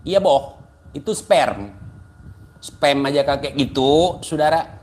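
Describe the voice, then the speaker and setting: High-voiced man ranting mockingly. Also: expressive, slow pace, darkish tone. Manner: mocking, insulting, taunting. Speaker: commentator. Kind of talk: ranting commentary.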